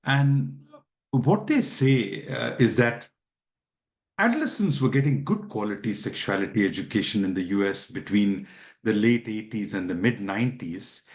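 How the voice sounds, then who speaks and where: A man from India, an expert guest answering interview questions in a measured, explanatory way with frequent fillers. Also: lowish voice, lively intonation.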